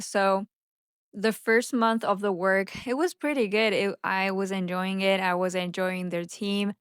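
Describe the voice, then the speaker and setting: Here she speaks at a medium pitch, her tone clear and resonant in a clean studio recording free of room sound. The Japanese-native vlogger, who owns a social media marketing agency, talks to camera in an unscripted, candid way, now and then stumbling as she goes.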